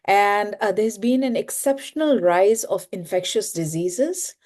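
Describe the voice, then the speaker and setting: A woman's voice: medium pitch, measured pace, darkish tone. A woman from South India, giving hesitant panel remarks on a video call, full of fillers.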